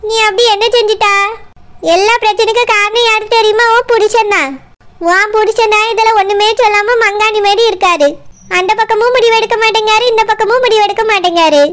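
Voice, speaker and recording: A woman's voice: very high voice, steady tone, brisk, fairly bright tone. A woman voicing a firm older village sister-in-law with a Tirunelveli Tamil accent, consoling and scolding.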